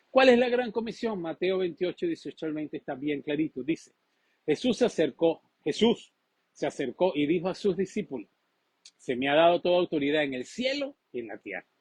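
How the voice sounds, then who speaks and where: A male pastor delivers a lively sermon in a somewhat high, husky voice. He swings between loud and soft, often acting out the people he quotes. The sound is dry and close. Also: no echo. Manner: animated preaching, acts out quoted voices.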